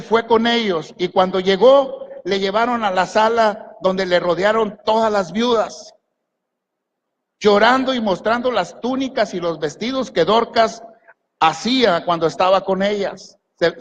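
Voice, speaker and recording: A man's voice: high voice, measured pace. A man preaching a sermon as pastor, asking the congregation questions and giving them commands. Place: large church hall. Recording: long echo of a church hall.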